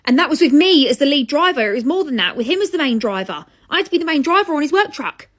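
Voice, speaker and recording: A woman's voice: high voice, very animated, quick pace, a bit bright. Young woman, British accent, casual vlog, chatty, exasperated, swears casually. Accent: British English. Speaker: vlogger. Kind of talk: casual storytelling to camera.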